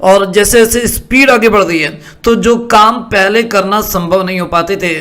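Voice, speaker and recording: A man's voice: sits high, moderate pace, sharp tone. A man giving stock market commentary over a screen share, explaining patiently and often checking that the listener is following. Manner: explanatory, asks "are you following me" often.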